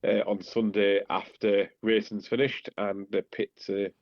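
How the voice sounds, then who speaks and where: A man with a Teesside accent, co-hosting a podcast and reading out announcements in a casual, halting way. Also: lowish voice, flat delivery, dry recording. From Teesside, north-east England. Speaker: podcast co-host. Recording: slightly dull lo-fi microphone.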